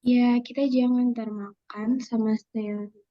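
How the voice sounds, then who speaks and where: A young woman plays a calm, reasonable student who talks her friends round. Her voice is fairly high and even, recorded dry and slightly dull. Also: unhurried, no echo, close to an everyday voice. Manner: calm persuading.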